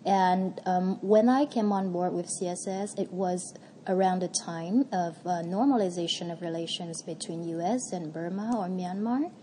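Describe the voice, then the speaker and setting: A woman's voice: on the low side, normal speed, warm tone, a little hiss or hum, low-quality recording. A woman from Vietnam, a policy researcher, answering interview questions thoughtfully with frequent ums and restarts.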